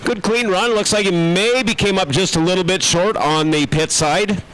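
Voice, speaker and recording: A man's voice: high-pitched, moderate pace, a bit bright. An American man announcing a tractor pull live at an outdoor track. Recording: noisy outdoor event, vehicle engines.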